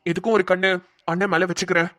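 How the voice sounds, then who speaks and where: A woman's voice: fairly low pitch, little pitch movement, quick pace, close to an everyday voice. A woman voicing a young male police officer who reassures and protects his partner in a cartoon. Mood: caring. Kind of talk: cartoon voice acting.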